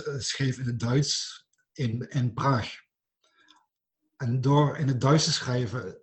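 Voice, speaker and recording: A man, a writer, talking reflectively in a slow, halting way, stuttering and restarting often. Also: mid-range voice. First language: not English; writes in English. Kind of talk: reflective conversation.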